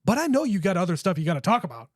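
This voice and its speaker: A man's voice: sits high, very animated, very fast, no room sound, clean studio sound. A man in his late thirties co-hosting a podcast, chatting casually, swearing freely and restarting his sentences. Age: 30s. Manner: profane, enthusiastic, stammering restarts. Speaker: podcast co-host. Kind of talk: casual chat.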